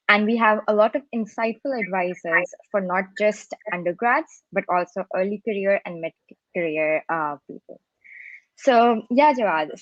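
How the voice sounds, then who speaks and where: A young woman in her twenties, medium-pitched, hosts and moderates a panel interview over a video call. She's friendly, reads scripted introductions, and drops in some "um" and "like." The audio is dry and muffled, typical of a video call.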